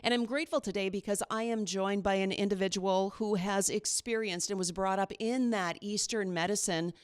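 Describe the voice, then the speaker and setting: A woman's voice: mid-range voice, fairly even intonation, moderate pace, clear, resonant tone, no room sound, clean studio sound. A woman hosting an interview podcast, upbeat and enthusiastic. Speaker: podcast host. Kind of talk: casual interview chat.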